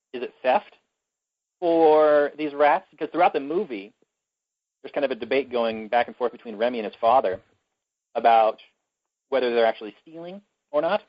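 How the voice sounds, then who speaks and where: A man's voice: mid-range voice, no room sound, highs cut off. A man co-hosting a podcast, retelling a film plot in casual chat with many fillers and restarts. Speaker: podcast co-host.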